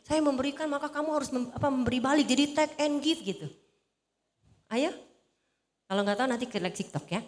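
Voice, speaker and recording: A woman evangelist giving a lively, casual sermon in a church, chatty and teasing with the congregation. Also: fairly high pitch. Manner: chatty, teasing, coaxes the congregation to repeat after her. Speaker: evangelist preacher. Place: church hall. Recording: echoey church hall.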